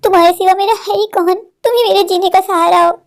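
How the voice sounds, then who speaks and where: A woman's voice: very high voice, fairly even intonation, brisk. A woman voicing an anxious, possessive village mother in a cartoon, doting and insistent with her daughter. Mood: tender. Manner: doting, insistent, says "meri jaan". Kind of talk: Hindi cartoon voice acting.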